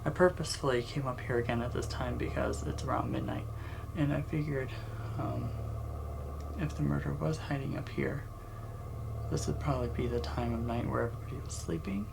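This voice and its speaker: Informal paranormal vlogger, gravelly mid-range voice, casual chat, clearly noisy indoor location recording. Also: mid-range voice, fairly even intonation, a little fast. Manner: informal, sweary. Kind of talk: casual vlog chat to camera. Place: indoors, old house at night. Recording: noisy handheld recording with room ambience.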